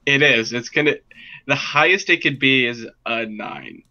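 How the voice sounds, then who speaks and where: A man playing a tabletop game, animated and giggly, on a dull lo-fi mic with faint hiss. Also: mid-range voice, a little slow. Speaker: player.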